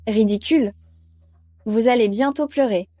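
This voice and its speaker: A scheming young wife. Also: female voice, fairly high pitch, a little slow, mellow, dry recording, faint music behind. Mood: scornful. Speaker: dub actress. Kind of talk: dubbed drama.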